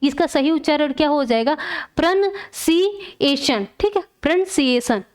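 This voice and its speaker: A woman's voice: high voice, lively intonation, a little fast, a little mellow. A woman teacher explaining exam questions step by step, checking in often with her class.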